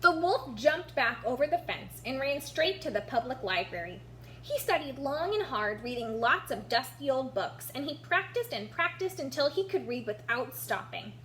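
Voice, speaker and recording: A woman gives an animated read-aloud of a children's storybook, narrating expressively for little listeners and remarking on the pictures. Her voice is high, sing-song, and a bit bright at normal speed, over a noticeable background hum.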